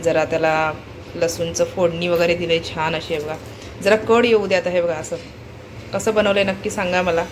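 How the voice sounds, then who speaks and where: A woman's voice: lowish voice, level tone, normal speed, background noise. A woman from Konkan chatting at home as a family vlogger, talking straight to her viewers and keeping them looking at what she shows. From Konkan, Maharashtra. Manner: chatty, keeps calling viewers to look. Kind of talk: casual vlog chat to viewers. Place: at home, in the kitchen.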